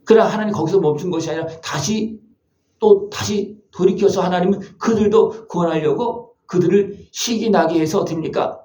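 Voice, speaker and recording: A man's voice: high-pitched, moderate pace, warm tone, echoey room. A male pastor preaching a sermon, asking his congregation one rhetorical question after another. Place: church sanctuary.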